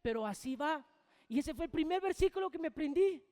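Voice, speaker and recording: A male pastor with a Peruvian accent preaches with a high voice. He tells his story in an animated way and acts out each exchange. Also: fairly quick, long reverb tail. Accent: Peruvian Spanish. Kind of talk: storytelling sermon.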